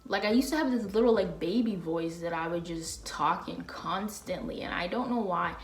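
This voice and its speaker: Speaking at a normal speed with a fairly low pitch, a young woman vlogs candidly to camera. It's a casual, confessional chat, slangy and packed with fillers.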